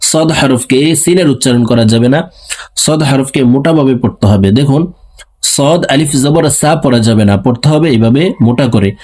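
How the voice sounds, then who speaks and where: A man with a Bangladeshi Bengali accent teaching Quran letter pronunciation, reciting each syllable slowly and deliberately, then explaining quickly. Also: medium pitch, mellow. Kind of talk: slow drilled letter-by-letter teaching.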